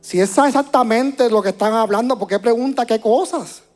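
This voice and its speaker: Man, pastor, church sermon, impassioned, hushed to loud, repeats words, soft music underneath. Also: very high voice, normal speed. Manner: repeats words while searching for them. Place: church before a congregation.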